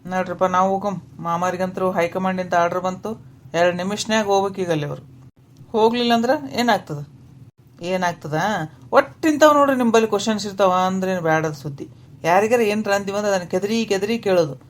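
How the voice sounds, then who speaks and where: A woman's voice: mid-range voice, natural voice. A woman voicing a talkative, teasing middle-aged village man in a cartoon, with a North Karnataka accent. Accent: North Karnataka Kannada. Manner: quick, chatty and teasing. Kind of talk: cartoon voice acting.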